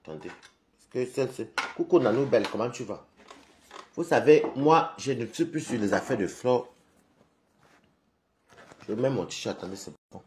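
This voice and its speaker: A man's voice: mid-range voice, animated, normal speed, long pauses, background noise. A tired, sleepy man hosting a live stream, ranting at a rival and repeatedly calling her out with taunts. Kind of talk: confrontational live-stream rant. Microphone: phone.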